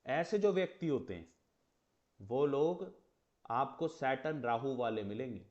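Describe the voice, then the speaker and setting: A man's voice: mid-range voice, animated, measured pace, a little mellow. Lo-fi man lecturing on astrology. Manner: conversational, explains with rhetorical questions and mock dialogue. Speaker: astrology teacher. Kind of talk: lecture in Hindi with English terms.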